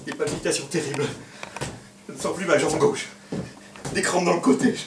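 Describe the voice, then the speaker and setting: High-voiced touchy hypochondriac suitor. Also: male voice, expressive, moderate pace. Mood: panicky, ailing. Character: touchy hypochondriac suitor, quarrelsome and self-pitying. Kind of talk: theatrical stage farce. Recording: echoey stage, distant mic, faint noise.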